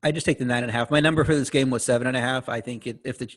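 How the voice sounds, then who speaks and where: A man speaking as a guest analyst on a sports betting podcast, laying out his picks in quick, steady talk with fillers. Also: mid-range voice.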